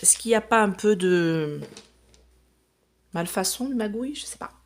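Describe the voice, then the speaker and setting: A woman's voice: mid-range voice, animated, moderate pace. A woman chatting casually to camera as she lays out runes and cards for a reading, explaining each step with plenty of fillers. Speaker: psychic reader.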